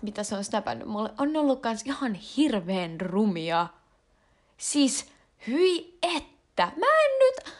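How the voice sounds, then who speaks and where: A young adult woman vlogging in a casual confessional chat, rambling with lots of fillers and slang. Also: on the high side. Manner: rambling and slangy, with frequent fillers and English words mixed in.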